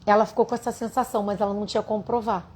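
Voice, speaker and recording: A woman's voice: mid-range voice, level tone, racing, darkish tone, breathy edge. A woman with a Brazilian Portuguese accent, a spiritual teacher telling a story earnestly and speaking straight to her listeners. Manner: earnest, addresses listeners directly. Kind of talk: storytelling to an audience.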